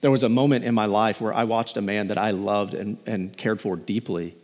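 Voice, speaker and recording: A man's voice: fairly even intonation, fairly quick. Man in his thirties preaching a sermon. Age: 30s. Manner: storytelling, rising loud and high when reading scripture. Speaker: pastor. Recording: long hall reverb.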